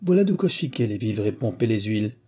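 A man voicing a boisterous, hard-drinking army sergeant who talks loud and jovial, in an audiobook reading. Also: fairly low pitch, sing-song, a little fast, breathy edge. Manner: loud, swaggering, jovial barrack-room talk.

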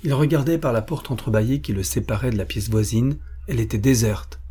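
A man narrating an audiobook of a classic novel, measured and expressive. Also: medium pitch, breathy edge.

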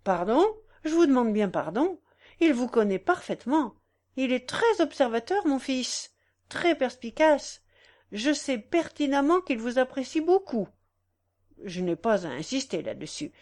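A woman's voice: sits high, big pitch swings, unhurried, a little mellow, voice pushed up. A woman reading aloud voices a scheming, chatty old countess who keeps pressing and coaxing to get her son married. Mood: persuasive. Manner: coaxing, insistent, effusive.

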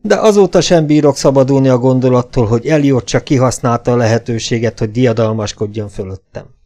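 A man's voice: mid-range voice, dark tone, natural voice. A man voicing a bitter, washed-up older male ex-spy who drinks heavily, grumbling and complaining in an audiobook. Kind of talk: audiobook character voice.

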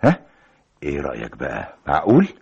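An actor playing a calm, persuasive senior engineer who takes charge, speaking with an Egyptian accent in an old radio drama. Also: male voice, a bass voice, fast, creaky, breathy edge, full character voice. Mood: planning. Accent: Egyptian Arabic. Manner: soothing, reasonable, takes charge. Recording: dull old radio recording with music.

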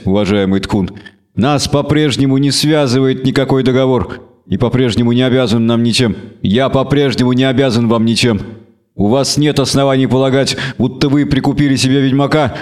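A stern monster hunter speaks in a cold, measured tone, as a male narrator reads him. His words are deliberate and unhurried, with little warmth. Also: mid-range voice, natural voice.

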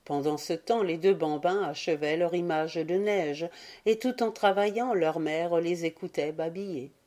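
Slow, mellow woman reading a storybook. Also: fairly low pitch. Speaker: audiobook reader. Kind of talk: scripted storybook narration.

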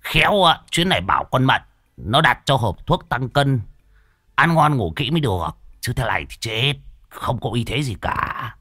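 A man's voice: medium pitch, very animated, normal speed, sharp tone, slightly rough, no echo, clean studio sound, full character voice. A man voicing a greedy, scrawny old village coffin maker who grumbles and brags. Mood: grumbling. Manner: grumbling, boastful, swings from muttering to shrieks.

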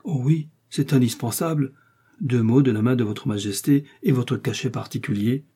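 A man's voice: medium pitch, moderate pace, dark tone, husky, natural voice. A man reading a devoted young maid, earnest. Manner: earnest, reassuring. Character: loyal young woman servant, devoted. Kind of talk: audiobook character reading.

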